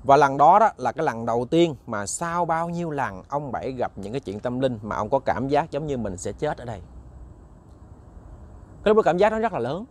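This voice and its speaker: A man's voice: mid-range voice, animated, fairly quick. Southern vietnamese guy telling ghost stories, talks right to the listeners, lots of repeated words. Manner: chatty, repeats words while searching, addresses listeners directly. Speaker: ghost story narrator, channel host. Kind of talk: casual spoken ghost storytelling to listeners.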